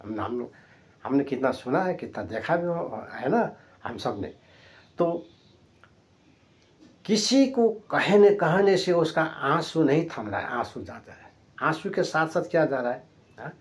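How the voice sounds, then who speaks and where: A man's voice: fairly high pitch, lively intonation, unhurried, long pauses. A man preaching a sermon, retelling a story vividly with repeated phrases and constant tag questions to his listeners. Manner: repetitive, emphatic phrasing.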